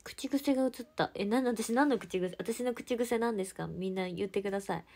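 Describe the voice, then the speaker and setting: A young woman with a chats casually into a close phone mic, answering viewer comments. Her talk swings from quiet murmurs to bright, giggly exclamations. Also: mid-range voice, brisk. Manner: chatty and giggly, drifting between soft murmurs and brighter exclamations. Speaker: idol livestreamer. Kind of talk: casual livestream chat, reading viewer comments.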